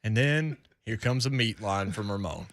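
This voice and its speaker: A man's voice: on the low side, moderate pace, fairly bright tone. An American man hosting a talk show in a casual, conversational style. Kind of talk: casual chat, reading out listener comments.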